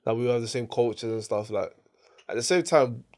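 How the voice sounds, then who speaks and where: A man with an urban London roadman accent and a medium-pitched voice. He talks in a casual, slangy way, like a co-host bantering with a friend. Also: fairly quick, a little mellow. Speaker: podcast co-host.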